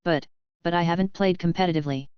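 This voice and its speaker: A woman's voice: on the low side, moderate pace, clear, resonant tone, no echo, highs cut off, close to an everyday voice. Woman voicing a shy stuttering teen boy. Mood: timid. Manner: stutters on first words, timid. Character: shy stuttering eighteen-year-old male gamer.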